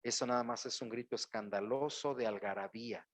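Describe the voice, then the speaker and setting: A man's voice: mid-range voice, a little fast. A man, a pastor preaching a sermon in a church and calling out to the congregation. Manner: preaching with rising exclamations and acted-out quotes. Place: church sanctuary.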